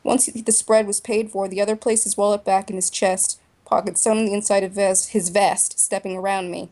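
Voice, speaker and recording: A woman narrates a first-person story for a voice drama. She reads in a plain, even way, at a middle pitch for a woman. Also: a little fast. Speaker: narrator and main voice actor.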